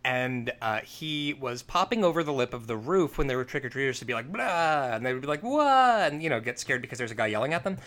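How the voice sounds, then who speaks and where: A man's voice: medium pitch, quick pace, hardly any pauses, a bit bright. A man co-hosting a podcast who tells rambling stories in casual chat, full of fillers and restarts. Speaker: podcast co-host.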